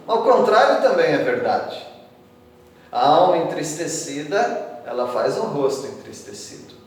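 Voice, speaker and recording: A man with a Brazilian Portuguese accent preaches from the pulpit in a slightly high voice, chatting with the pews and checking in with small tag questions. He reads each verse aloud with lifted emphasis. The sound is caught from a distance in a church hall with a long, roomy echo. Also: a little hiss or hum. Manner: conversational, asks the congregation tag questions. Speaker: pastor. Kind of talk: expository sermon. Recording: echoey church hall from far off.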